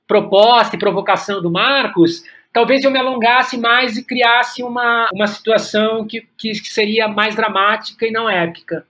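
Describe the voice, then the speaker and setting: As a podcast guest, a Brazilian playwright and director talks in a high-pitched voice that sounds pushed and bright, with a Brazilian Portuguese accent. His delivery is halting and reflective, and he frequently repeats a word mid-thought while searching for what comes next.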